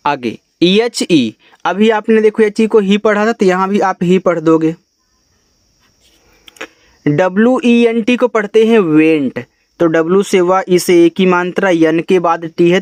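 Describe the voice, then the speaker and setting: A man's voice: high-pitched, no echo, studio quality. A man teaching beginners to read English words, spelling each word letter by letter and then explaining how to pronounce it. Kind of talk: spoken lesson on reading English words.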